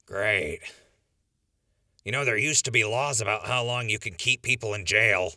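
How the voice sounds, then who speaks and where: Man acting a forceful, lowish weary prisoner. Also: normal speed, no echo, studio quality. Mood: fed up. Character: gruff, straight-talking male prisoner, weary but decent. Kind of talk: audio drama acting.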